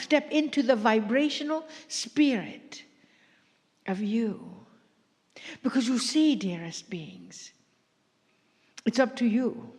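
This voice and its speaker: A woman's voice: a little high, a little mellow, in a large hall. A woman voicing a playful, affectionate spirit collective speaking to a live audience in a large room. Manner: playful, laughing, addresses crowd as dear ones. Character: group spirit channeled, playful, grandly affectionate. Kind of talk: channeled message to a live audience.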